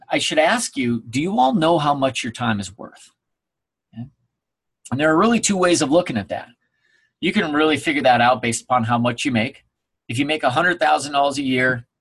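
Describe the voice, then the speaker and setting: In a recorded sales training presentation, a man coaches with emphasis, checking in frequently with "okay?" to his listeners. His mid-range voice carries a slight roughness.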